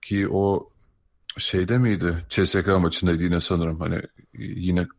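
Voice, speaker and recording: A male podcast co-host talks sport in a very low voice. He sounds conversational and casual, thinking through his analysis as he speaks. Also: flat delivery, slow, vocal fry. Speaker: podcast co-host and basketball commentator.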